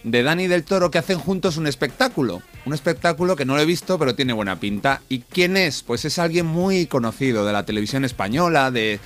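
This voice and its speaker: A man, co-hosting a radio show in a studio and telling a story in lively, acted-out bursts. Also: fairly high pitch, brisk, hardly any pauses, soft background music. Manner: animated storyteller who acts out the voices in his story. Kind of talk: casual radio banter, telling an anecdote. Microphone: studio microphone.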